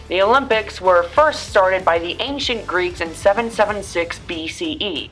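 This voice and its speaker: Brief: woman host, playful scripted explainer, joking asides, mid-pitched voice. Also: fairly bright tone. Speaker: student news segment host.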